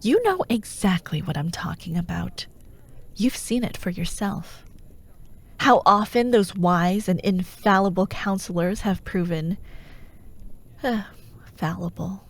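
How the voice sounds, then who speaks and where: In a breathy ASMR roleplay voice that keeps sinking toward a whisper, a woman plays a menacing, persuasive fantasy warlord who haunts dreams. Her voice sits lowish, and she sounds coolly taunting. She speaks slowly, grandly and coaxingly, with a mock-reasonable air.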